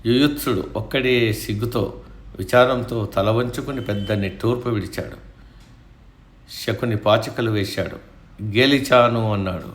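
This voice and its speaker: Casting: male storyteller, measured solemn epic narration, low voice, echoey room.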